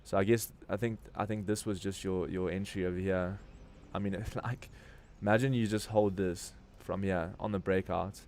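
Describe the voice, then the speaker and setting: The recording carries a little hiss or hum as a deep, slightly mellow male voice speaks at normal speed with few pauses and fairly even intonation. He's a crypto trading livestream host from Durban, South Africa, giving casual, slangy market talk in his South African accent as he thinks aloud.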